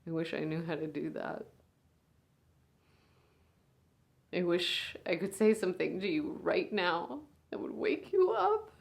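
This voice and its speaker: In a monologue, a woman plays a weary, grieving older sister at her younger sister's bedside, shifting between hushed whispers and bursts of anger. Her voice is lowish and gravelly, with a tender, hushed mood.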